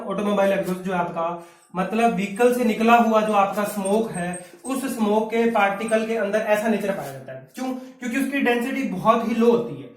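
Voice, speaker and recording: A man's voice: sits high, distant mic. Male teacher, chatty rhetorical style, echoey room. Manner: conversational, asks rhetorical questions, says "bhaiya". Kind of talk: classroom lecture.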